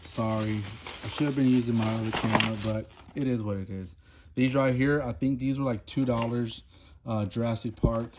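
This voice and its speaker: A man in his thirties or forties talks casually and haltingly as a vlog host, recorded in his garage during a thunderstorm. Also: medium pitch, steady tone. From Houston, Texas. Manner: halting, unscripted delivery. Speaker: host of a toy reselling channel. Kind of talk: casual vlog, showing clearance finds. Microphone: phone at arm's length, handheld camera. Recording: faint-to-clear background noise in garage. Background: rain and thunder noise, clicks.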